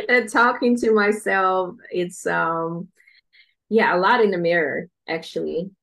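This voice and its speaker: A woman's voice: on the low side, slow, vocal fry, fairly bright tone. A woman from the Netherlands with a Dutch accent, a singer and songwriter speaking as an interview guest, upbeat and encouraging, and she laughs easily. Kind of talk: casual interview chat.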